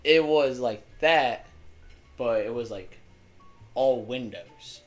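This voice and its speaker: A young man co-hosts a casual podcast chat, rambling, stumbling over his words, and swearing freely. He speaks slowly in a mid-range voice, with faint music playing behind him.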